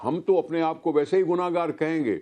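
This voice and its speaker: A man's voice: on the high side, fairly quick. A man with a Pakistani Urdu accent, a political guest making a heated, argumentative case on a talk show. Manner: forceful, rhetorical questions.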